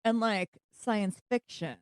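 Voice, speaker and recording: A woman co-hosting a podcast in casual chat, laughing often and jumping in with quick interjections. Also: medium pitch, clear, resonant tone, dry recording, studio quality. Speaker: podcast co-host.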